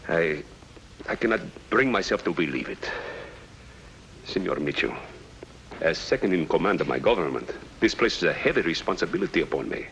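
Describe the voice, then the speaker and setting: An actor playing a formal, anxious government second-in-command in a 1950s radio drama. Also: male voice, low-pitched, expressive, moderate pace, fairly bright tone, a little hiss or hum, rough recording. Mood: worried. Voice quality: formal, stiff.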